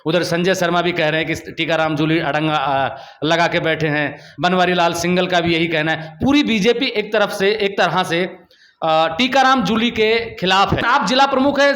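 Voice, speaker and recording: A man's voice: sits high, normal speed, fairly bright tone. A male journalist interviewing a politician, asking pointed, confrontational questions.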